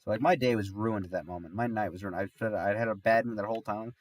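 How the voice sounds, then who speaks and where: A sick, stuffy-nosed man rambling through a casual story on his livestream, starting over again and again. His voice sits fairly low. The sound is dry and a little off-mic. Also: quick pace, no room sound, recorded from a distance. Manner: rambling, with many restarts and fillers. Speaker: streamer.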